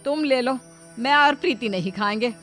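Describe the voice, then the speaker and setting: A woman voicing a stern, sharp-tongued middle-aged mother-in-law in an animated story, scolding with cutting retorts. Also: on the high side, moderate pace, music in the background, close to an everyday voice. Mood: sarcastic.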